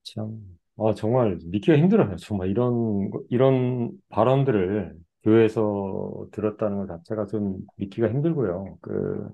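A man's voice: lowish voice, moderate pace, gravelly, hardly any pauses, narrow, tinny audio. A man hosting a casual interview, nodding along with short replies and giving earnest commentary. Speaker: channel host, counselor.

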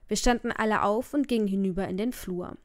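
A woman's voice: medium pitch, fairly quick. Woman narrating an audiobook emotively. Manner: emotive storytelling. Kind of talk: first-person audiobook narration.

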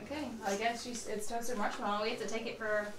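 A woman's voice: a little high, fairly even intonation, fast, recorded from a distance, heavy background noise. A woman chatting casually and teasing as she plays and reacts in a gross jelly bean eating challenge. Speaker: participant in a group food challenge. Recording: echoey room with music over it. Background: music.

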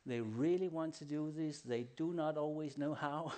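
A man's voice: fairly high pitch, normal speed, dark tone. A man finishing a conference talk in a plain, hopeful way. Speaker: conference speaker.

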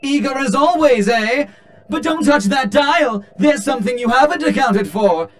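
A man's voice: very high-pitched, animated, moderate pace. A man voicing a flamboyant, boastful, theatrical showman robot in a cartoon game style. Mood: grandly menacing.

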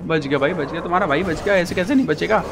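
A man giving excited live commentary on a racing game, shouting at the game and joking with his viewers. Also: on the high side, fast talker, creaky, background noise. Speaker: gaming YouTuber.

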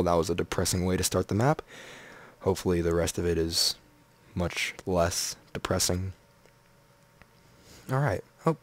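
A low-voiced man chats through his gameplay in a casual, joking way, reading the game's signs aloud as he goes. The recording is dry and close, with no room sound. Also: dry recording. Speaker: Minecraft let's player.

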